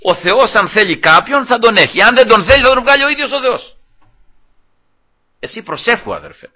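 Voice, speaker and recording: A man's voice: very high voice, animated, sharp tone. A male preacher delivering a sermon, retelling a scripture story with acted quotes and repeatedly addressing his listeners as brothers.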